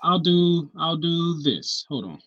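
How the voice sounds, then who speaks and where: A man's voice: on the high side, expressive, takes it slowly, noisy background. A man co-hosting a podcast in casual, teasing chat, heard through a dull headphone headset mic. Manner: joking, teasing. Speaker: podcast co-host. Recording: muffled lo-fi headset mic with faint clicks.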